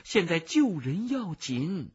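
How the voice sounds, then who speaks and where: A man voicing an excited, urgent boy companion in a storybook reading, raised and high, on a muffled lo-fi recording. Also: slow, slightly rough, heavily acted.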